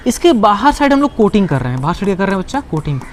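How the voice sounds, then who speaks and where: A man's voice: sits high, big pitch swings, racing, a little hiss or hum. Man teaching in a repetitive question-answer style. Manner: asks students questions and answers them himself; repeats key words for emphasis. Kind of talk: online class lecture.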